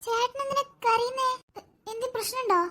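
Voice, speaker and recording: A woman's voice: very high-pitched, steady tone, a little fast, sharp tone. A woman voicing an anxious young woman in a cartoon drama who asks urgent, disbelieving, tearful questions.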